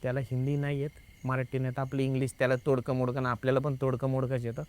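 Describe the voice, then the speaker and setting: A young man sits as a guest and recounts something that happened to him, in a loose, chatty way. He keeps slipping into the voices of the people involved, tagging line after line with "I said". His voice sits at an ordinary pitch for a man. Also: racing, clean tone, no echo. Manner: lively, re-enacts dialogue with many "I said" tags. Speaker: guest telling a personal ghost experience. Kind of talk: casual spoken storytelling.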